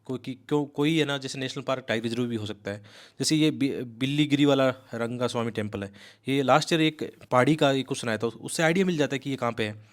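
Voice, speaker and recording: Fast-talking man teaching exam prep. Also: mid-range voice. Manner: rapid, emphatic, coaxing students, mixes English words. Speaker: civil service exam coaching teacher. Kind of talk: fast explanatory lecture.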